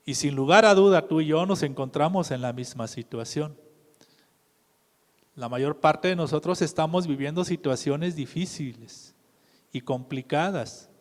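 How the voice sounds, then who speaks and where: Slow, measured preacher in a church hall. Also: male voice, on the high side. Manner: measured, asks the congregation questions. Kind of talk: sermon.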